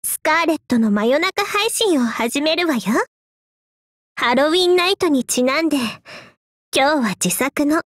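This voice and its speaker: A woman streaming an ASMR role-play, talking in a teasing, coquettish way with soft, drawn-out endings. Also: high voice, animated, dry recording, studio quality.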